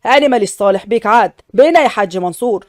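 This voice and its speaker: A woman's voice: fairly high pitch, animated, rapid-fire, no room sound, studio quality, voice pushed down, close to an everyday voice. A woman voicing a stern older man, an angry uncle, with an Upper Egyptian accent and a scolding manner.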